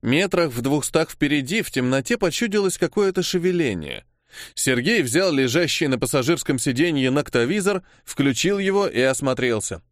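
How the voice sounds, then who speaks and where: A man's voice: on the high side, animated, normal speed, dry recording, studio quality. Man narrating an audiobook. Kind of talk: scripted narration.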